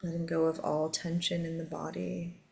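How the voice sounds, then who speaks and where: A woman teaching a guided meditation to a seated group in a soothing, gentle way. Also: low-pitched, completely flat delivery, normal speed, gravelly, husky.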